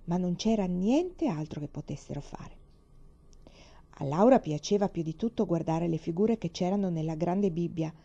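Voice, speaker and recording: A woman reading a children's storybook aloud in a calm, measured way. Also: fairly low pitch. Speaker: reader. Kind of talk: storybook narration. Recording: dull lo-fi recording.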